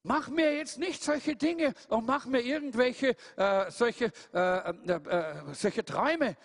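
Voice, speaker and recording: A man's voice: very high voice, lively intonation, takes it slowly, vocal fry, long reverb tail, pitched above the performer's own voice, exaggerated voice. A man voicing a restless young male turkey who longs to fly, pleading and repeating himself.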